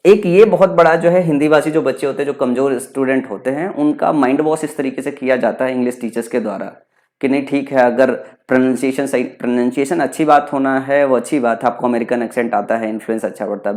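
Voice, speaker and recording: A man's voice: mid-range voice, a little mellow. A young man with a Bihari accent teaching English vocabulary for an exam, explaining terms and repeating them, often asking a question and then answering it himself. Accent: Bihari Hindi. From Bihar, India. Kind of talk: exam prep lecture.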